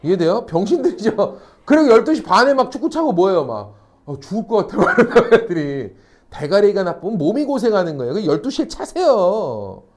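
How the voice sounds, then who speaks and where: A middle-aged male teacher with a high voice that leaps all over the place. He lectures in a joking, teasing way, throws in mocking asides, and keeps asking the students whether they understand. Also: sing-song, fairly quick, slight background noise. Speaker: academy teacher. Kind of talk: classroom lecture with anecdotes.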